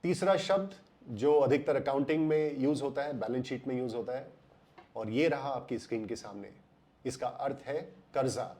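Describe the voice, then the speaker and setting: An Indian man explaining English pronunciation in a voice-over lesson, slowing down and drawing out words to stress them. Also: mid-range voice, darkish tone.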